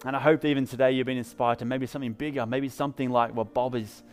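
A man's voice: medium pitch, fairly even intonation, quick pace, faint music behind. A man with an English accent preaching a sermon in a church, telling stories in an upbeat, conversational way. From England. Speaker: pastor. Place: church service.

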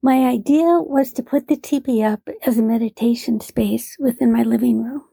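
A woman with a fairly high, husky voice tells a gentle story about her cat, often dropping into a half whisper. Her tone is mellow and gravelly. The recording is dry and close. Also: normal speed, dry recording. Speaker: cat owner telling a story. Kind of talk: personal storytelling.

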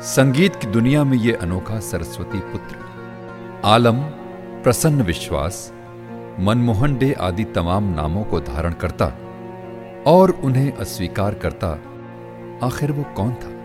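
A man narrating a radio drama in a slow, measured, dramatic way. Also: on the low side, animated, music in the background. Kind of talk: scripted narration.

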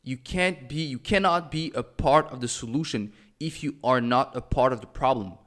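A man from Cameroon, raised in Montreal, hosting a motivational podcast in an energetic style and repeating phrases for emphasis. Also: mid-range voice, normal speed. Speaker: podcast host.

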